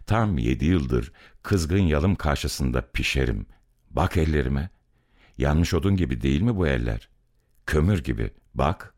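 A man's voice: extremely low pitch, animated, measured pace, darkish tone, full character voice. A man voicing a bitter, angry young brick-kiln worker who is far from home, in a dramatic story reading. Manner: bitter, accusing, heated.

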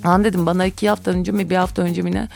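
A woman's voice: lowish voice, level tone, rapid-fire, gravelly, a little mellow, soft background music. A woman in her forties chatting casually and gossipily on her own show, often dropping into whispered asides. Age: 40s.

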